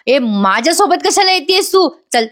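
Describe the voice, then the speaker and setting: A woman's voice: sits high, very animated, normal speed, a bit bright, pitched above the performer's own voice. A woman voicing a rude, arrogant young woman in a voice-over retelling of a TV serial, speaking in a scornful, snapping way.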